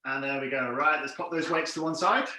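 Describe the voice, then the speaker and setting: A man's voice: a little high, a little fast, sharp tone. A man instructing an exercise class, giving encouraging, plain step-by-step cues and counts. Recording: very echoey room, distant mic.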